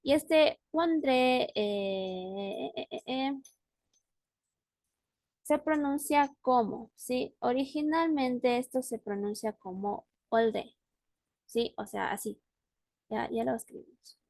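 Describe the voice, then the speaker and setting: A woman's voice: a little high, slow pace, vocal fry, a little mellow, no echo. A woman teaching a language class on a video call, explaining words patiently and often checking in with her student. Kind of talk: online class.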